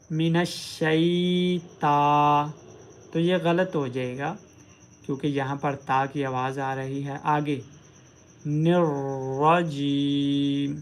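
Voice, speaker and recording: A man teaching Quran pronunciation, explaining patiently and drawing out recited words syllable by syllable. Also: fairly high pitch. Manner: drawn-out, syllable-by-syllable recitation of examples. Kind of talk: tajweed pronunciation lesson.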